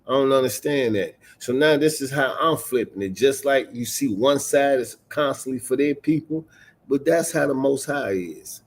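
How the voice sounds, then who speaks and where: A man's voice: mid-range voice, moderate pace, husky. Emphatic man teaching from scripture. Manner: emphatic, stresses single words while reading scripture aloud; casual street slang mixed with King James reading. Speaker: religious teacher.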